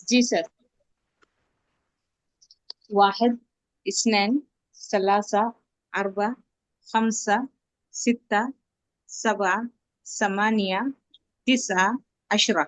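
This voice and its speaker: Very slow female student counting. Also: mid-range voice, steady tone, no echo, poor audio. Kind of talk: counting aloud in class.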